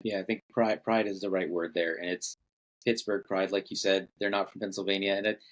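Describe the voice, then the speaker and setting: A man's voice: low-pitched, little pitch movement, a little fast. A man from the Bay Area hosting a podcast, asking questions and chatting in an easygoing, conversational way. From San Francisco Bay Area. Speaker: podcast host. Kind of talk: casual podcast interview.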